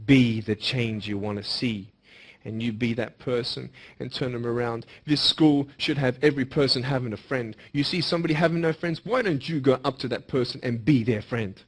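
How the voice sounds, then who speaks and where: A young man giving an emphatic motivational speech to students, swinging between bold declarations and hushed, earnest appeals. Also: mid-range voice, normal speed, husky. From Australia. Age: young adult. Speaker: motivational speaker.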